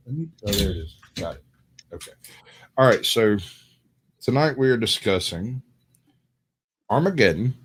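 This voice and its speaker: A man's voice: lowish voice, a little hiss or hum. A man with a Southern US accent hosting a live stream in a casual, folksy, joking and rambling way.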